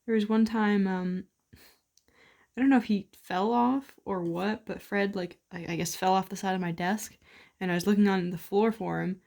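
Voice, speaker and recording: A woman with a voice at an ordinary pitch talks casually to the camera while feeding her toads. She coaxes the animals in a soft tone and tells loose, rambling stories full of fillers. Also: fairly even intonation, normal speed, creaky. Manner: chatty storytelling with frequent fillers. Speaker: toad keeper filming her pets. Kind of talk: casual vlog chat.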